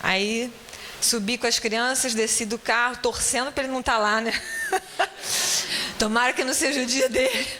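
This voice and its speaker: Brazilian woman, church teacher, bright and somewhat high, chatty testimony full of "right?" asides. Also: fairly even intonation, a little fast, a little hiss or hum. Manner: conversational storytelling, frequent tag questions. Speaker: Bible-school teacher. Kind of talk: personal testimony in a church class.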